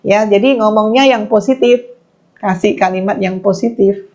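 Lively woman giving faith-based advice. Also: moderate pace. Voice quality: animated, acts out quoted lines with big pitch jumps. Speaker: speaker answering questions on a live session. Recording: muffled lo-fi stream audio.

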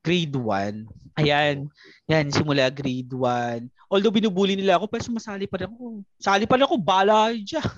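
A man's voice: high-pitched, moderate pace, muffled recording, slight background noise. A Filipino man hosting a podcast, telling stories in casual chat and laughing often. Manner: animated, laughing often, code-switching. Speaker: podcast host.

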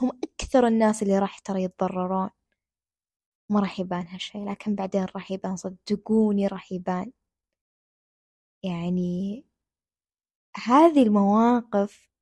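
A woman's voice: medium pitch, warm tone, no echo, studio quality. A young woman gives earnest, casual advice as the host of her own talk, repeating points for emphasis.

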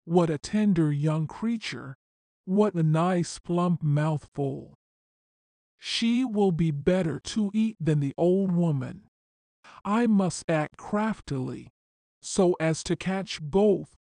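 A woman's voice: lowish voice, slow, warm tone, no echo. A woman doing a sly, coaxing big bad wolf. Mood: scheming. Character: sly hungry male wolf, scheming.

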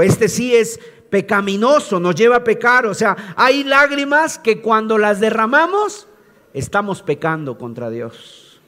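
A man's voice: very high-pitched, fairly bright tone. A man preaching a sermon in an emphatic way, repeating key phrases and asking questions to teach.

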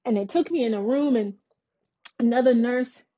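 A woman's voice: a little high, normal speed, dark tone, dull audio. A woman hosting a podcast, earnestly and emphatically retelling a personal experience. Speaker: podcast host. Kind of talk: personal storytelling.

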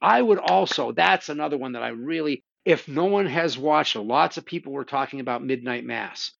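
Gravelly man enthusing about horror. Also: mid-range voice, moderate pace, no echo, highs cut off. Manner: animated storytelling with swearing. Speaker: podcast host. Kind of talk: casual conversation about horror films.

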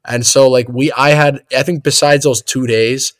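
A man's voice: mid-range voice, steady tone, moderate pace, no room sound, clean studio sound. A young man hosting a casual gaming podcast, rambling and laid-back, laughing often as he talks. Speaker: podcast host.

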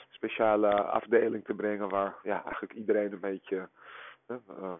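A man in his forties leaves a long voicemail, and it plays back thin and tinny, as if squeezed through a phone line. His voice sits a little low. He talks haltingly, and his sentences keep stalling on hesitations and filler sounds. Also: slight background noise. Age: 40s. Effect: voicemail message played over a phone line. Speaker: podcast co-host. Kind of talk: rambling spoken voicemail.

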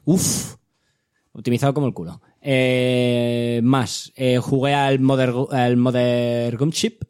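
A man's voice: mid-range voice, flat delivery, slow, a little mellow, clean tone. A man with a Spain Spanish accent, co-hosting a casual gaming podcast. He talks in a loose, rambling way and swears freely. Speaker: podcast co-host.

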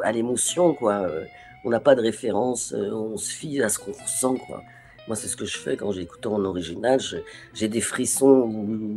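A woman voice actress from France, talking in an interview in a hesitant way, with frequent restarts, and acting out the dialogue she remembers. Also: very deep voice. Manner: animated, acts out remembered dialogue. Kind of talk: interview conversation.

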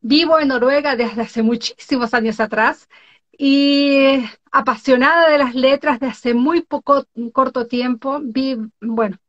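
A woman's voice: high-pitched, steady tone, measured pace, a bit bright. Chatty Ecuadorian-born woman hosting a live stream. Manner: chatty, exclamatory, laughs often. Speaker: host of a live online interview show. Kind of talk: casual live-stream chat. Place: home in Norway. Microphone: video call. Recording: dull lo-fi live-stream audio.

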